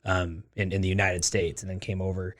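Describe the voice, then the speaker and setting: A man from Oregon hosting a casual interview, chatty and encouraging, with lots of quick affirmations. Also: deep voice, little pitch movement. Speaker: podcast host.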